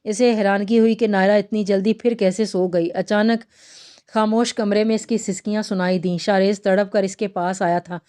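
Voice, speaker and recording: Give me a woman with a smooth, clear voice narrating a romance novel. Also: medium pitch. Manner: steady storytelling. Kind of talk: reading a romantic novel aloud.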